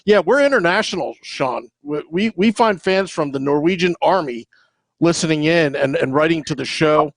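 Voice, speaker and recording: A man's voice: fairly high pitch, moderate pace, dry recording. A man hosting a podcast, reading out listener messages in an upbeat way with many fillers. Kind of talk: casual podcast chat.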